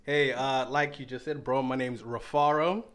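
A young man from Zimbabwe joins a faith podcast as a guest. He talks in a laid-back way and jokes around with the others. His voice sits at a middle pitch. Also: fairly even intonation, normal speed, a bit bright. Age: young adult. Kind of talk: casual podcast chat.

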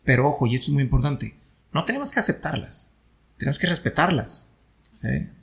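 A man's voice: medium pitch, very animated, brisk, vocal fry. A man who hosts a talk show and explains ideas with everyday examples, often checking that he is understood. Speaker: host. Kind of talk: conversational teaching.

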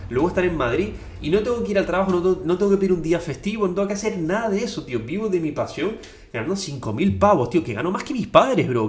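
A young man from Tenerife rattles along at a very fast clip, excited and full of slang fillers. His voice sits a little high for a man. He is recorded indoors at home, and the room gives it a noticeable echo. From Tenerife, Spain. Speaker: online coach and affiliate marketer. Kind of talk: casual motivational vlog talk. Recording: echoey room.

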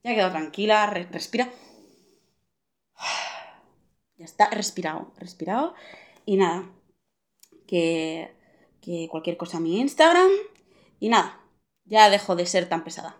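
A woman's voice: on the low side, animated, normal speed, pauses often. A young woman hosting her own podcast, venting in an exasperated rant with sarcastic asides. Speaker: podcast host. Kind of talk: venting monologue.

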